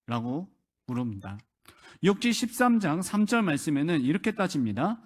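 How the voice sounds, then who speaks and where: A man's voice: sits high, big pitch swings, a little fast. A male pastor preaching a sermon, acting out quoted pleas with rising emphasis.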